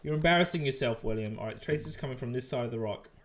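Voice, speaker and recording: A man doing live gameplay commentary as a streamer, chatty and excitable, swearing often. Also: mid-range voice, fast talker. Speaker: game streamer.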